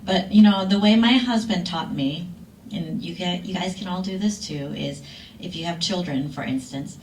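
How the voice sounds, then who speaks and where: A film director, a woman, telling a lively, laughing story to an audience at a screening Q&A. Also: lowish voice, normal speed. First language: Lao. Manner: lively, laughing, acts out quotes. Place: cinema hall. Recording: echoey hall, far from mic, faint noise.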